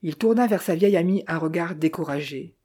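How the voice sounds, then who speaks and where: Woman reading a novel aloud, low mellow voice, calm and even. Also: fairly quick, slightly rough. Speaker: audiobook narrator. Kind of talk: scripted narration.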